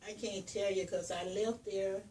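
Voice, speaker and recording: Elderly woman, mellow and distant. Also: mid-range voice, fairly even intonation, moderate pace. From Louisiana. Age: 80s. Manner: short, plain answers with light laughs. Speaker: interviewee. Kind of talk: casual family interview. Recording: roomy, distant mic, faint ambient noise.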